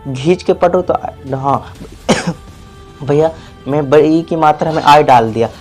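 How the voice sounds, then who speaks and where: Guy teaching spelling, keeps quizzing, fairly high voice, faint music behind. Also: darkish tone. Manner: repetitive, quizzing the viewer, drawn-out vowels. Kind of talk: classroom-style spelling lesson.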